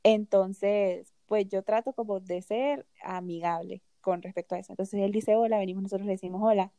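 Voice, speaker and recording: A young woman hosting a podcast, casually telling a personal story in an animated way, often laughing along. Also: medium pitch, normal speed, dry recording. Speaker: podcast host.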